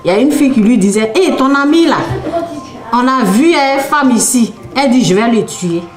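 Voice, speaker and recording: A woman's voice: high-pitched, lively intonation, normal speed, echoey room. A woman, preaching a conversational testimony that tells a story, repeats phrases and tags her lines with "là" and "hein".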